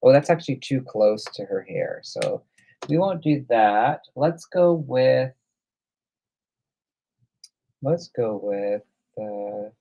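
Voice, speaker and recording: Male livestream host with a gravelly edge and mid pitch, chatty and thinking aloud while he works. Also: expressive, slow, long pauses, mellow. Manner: chatty, thinks aloud while working, reads out viewer comments. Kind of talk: casual live coloring demo.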